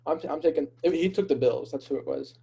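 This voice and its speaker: A man's voice: fairly high pitch, a little fast, creaky, mellow, lo-fi sound, a little hiss or hum. A man co-hosting a casual sports podcast, talking in an easygoing, hesitant way. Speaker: podcast co-host.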